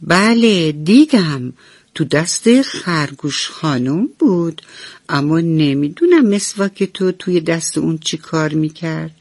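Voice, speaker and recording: A woman's voice: sits low, expressive, a little mellow, no echo. A woman voicing a drowsy little cat just woken from a rest, speaking lazily, in a radio bedtime story. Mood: lazy.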